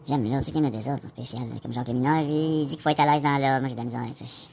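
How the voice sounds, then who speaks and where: Rapid-talking Québécois man rambling. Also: mid-range voice, fairly even intonation, creaky, a little mellow, slight background noise. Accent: Québécois French. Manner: meandering, addresses the viewer directly, frequent filler "là". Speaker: vlogger. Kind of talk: rambling casual monologue to camera.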